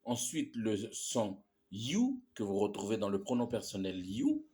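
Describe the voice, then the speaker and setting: A man teaching English sounds in a slow, patient lesson, spelling letters out and repeating words. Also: lowish voice, big pitch swings, warm tone.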